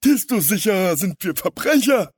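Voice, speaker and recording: Sly tall crook, sneering and gloating, pitched high and loud. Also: male voice, very animated, moderate pace, slightly rough, no room sound, studio quality, heavily acted. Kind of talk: storybook reading.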